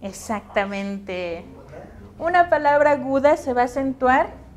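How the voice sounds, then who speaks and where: Slow-paced Mexican Spanish woman teacher. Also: high-pitched, animated, slight background noise. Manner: patient, checks understanding with questions. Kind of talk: classroom lecture. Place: classroom.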